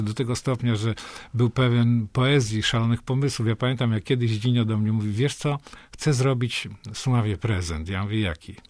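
Measured older man, dry close sound. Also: mid-range voice, darkish tone, dry recording. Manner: slow, measured reading with hesitant fillers in talk. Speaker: guest reminiscing about a poet friend. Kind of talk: recalling anecdotes and reading poetry aloud.

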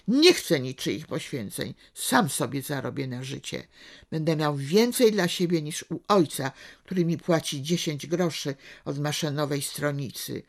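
A woman reading aloud, voicing a rebellious teenage boy with a hoarse, breaking voice who lashes out at his father, slow and low. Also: exaggerated voice. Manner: bitter, hoarse, muttered outburst.

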